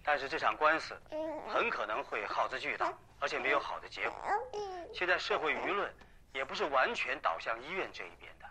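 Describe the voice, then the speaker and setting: An actor playing a cautious male lawyer in a TV drama, explaining a weak case in a measured way. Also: mid-range voice, expressive, bright, forceful tone, slight background noise. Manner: measured, reasoning, soothing. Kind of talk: TV drama acting.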